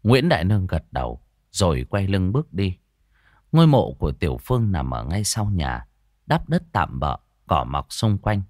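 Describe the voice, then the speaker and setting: Lively low-voiced male storyteller. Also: moderate pace, no echo, studio quality. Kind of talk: ghost story narration.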